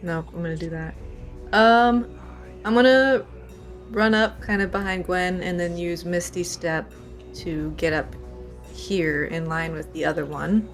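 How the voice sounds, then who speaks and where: A woman's voice: lowish voice, a little slow, faint music behind. A woman player in a tabletop game, talking through her moves with hesitant fillers. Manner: hesitant, thinks aloud.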